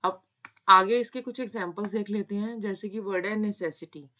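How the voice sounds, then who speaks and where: A woman's voice: mid-range voice, pushed and bright. A woman teaching shorthand in a tutorial, patiently breaking words into their sounds. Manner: slow, patient, spelling out sounds. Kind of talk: step-by-step tutorial explanation. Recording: dull lo-fi sound.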